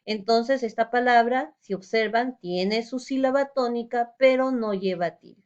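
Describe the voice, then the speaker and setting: A woman's voice: fairly high pitch, a little slow, a little mellow, clean tone, muffled recording. A woman teacher giving a recorded lesson, explaining step by step and asking rhetorical questions.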